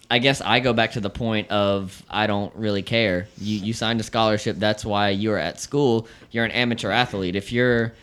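A man with a lowish voice talks through a point in relaxed conversation. He rambles, circling back and restarting his sentences as he explains. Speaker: podcast co-host. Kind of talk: casual chat.

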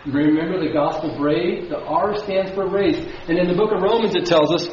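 This pastor's fairly high, darkish-toned voice moves at a normal speed as he preaches a sermon, questioning his congregation and driving his points home. He is in a church sanctuary, captured dull and distant in a very echoey hall with a little background noise.

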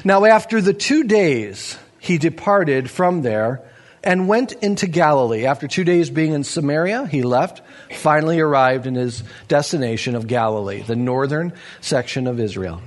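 A man with a fairly high voice preaches a sermon. He tells stories with lively, swinging intonation and sinks to low, hushed tones for emphasis. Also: normal speed. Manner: animated storytelling with big pitch swings; drops to low, quiet emphasis. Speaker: pastor.

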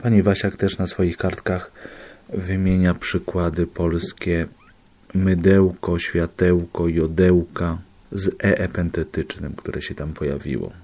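A man's voice: sits low, flat delivery, takes it slowly, a little mellow. A man, a student explaining course material, working methodically through examples one by one in a lesson.

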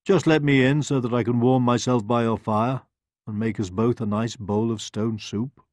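A man's voice: medium pitch, steady tone, moderate pace, darkish tone, no echo, studio quality, natural voice. A man doing a weary, coaxing old wolf.

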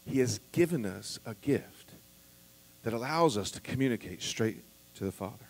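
With an expressive, mid-range voice at a moderate pace, a man preaches as pastor, earnest and conversational. He rises to emphatic peaks, drops quiet again, and restarts or turns to the congregation with asides, all on a low-quality recording.

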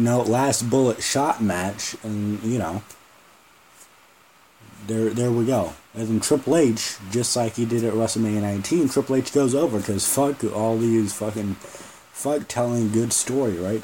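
A low-voiced man rants on his solo podcast, jumping between ideas and swearing freely. His tone is dark and mellow, with a faint noise floor underneath. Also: moderate pace, low-quality recording. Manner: rambling, profane, joking. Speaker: podcast host. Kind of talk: casual solo podcast rant.

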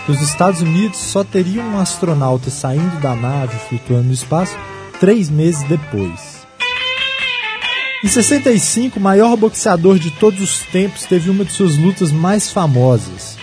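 A Brazilian man hosts with scripted historical narration. His voice sits a little high and his delivery is wry. Guitar music plays clearly behind him. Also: animated, normal speed. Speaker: narrator and host.

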